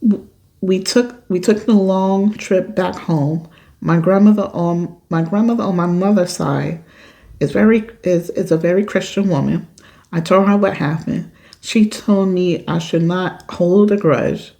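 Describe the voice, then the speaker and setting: Woman podcast host reading a listener letter, slow and gravelly, outspoken, low and mellow voice, emphatic. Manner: emphatic, outspoken, swears when upset.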